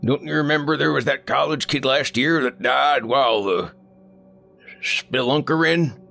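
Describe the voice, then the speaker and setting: A man's voice: medium pitch, unhurried, creaky, bright, forceful tone, soft background music, voice pushed up. A man voicing a folksy male trucker on the CB radio, a joking talker who slips up his grammar. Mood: chatty. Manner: drawling, homespun talk with slipped grammar.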